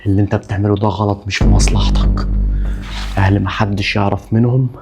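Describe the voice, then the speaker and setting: A man with an Egyptian accent playing a wronged husband who speaks in a measured, firm way in a melodramatic short film. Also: on the low side, sing-song, vocal fry. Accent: Egyptian Arabic. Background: background music.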